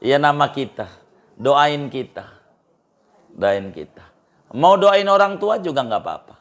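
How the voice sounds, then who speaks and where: A male preacher gives relaxed religious counsel. He talks informally and repeats key phrases for emphasis, his pitch jumping up when he drives a point home. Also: measured pace. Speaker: Islamic preacher answering questions. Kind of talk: casual religious advice talk.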